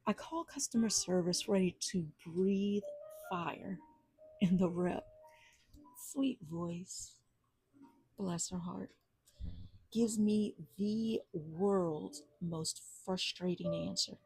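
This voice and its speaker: A woman hosting a podcast, telling a personal story in an animated, sassy way with churchy asides. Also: on the low side, slow pace, gravelly, husky, dry recording, low-quality recording. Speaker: podcast host. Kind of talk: storytelling monologue. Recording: soft jazz music behind.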